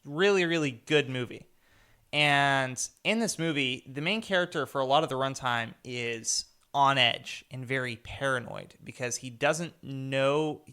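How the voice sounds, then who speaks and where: Young guy on a film podcast, bright clear voice, gets animated describing scenes. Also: mid-range voice, unhurried. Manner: animated, acts out scenes with sudden loud outbursts. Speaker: podcast co-host. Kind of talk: casual film discussion.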